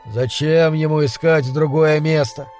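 A man's voice: fairly high pitch, steady tone, unhurried, darkish tone, soft background music, natural voice. A man reading as a desperate haunted husband. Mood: hopeless. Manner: pleading, anguished. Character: desperate middle-aged man haunted by a vampire. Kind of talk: audiobook character reading.

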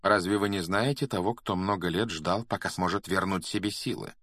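Solemn storybook centaur, low and measured, read by a male narrator. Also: dry recording, clean studio sound. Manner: measured, grave and quiet.

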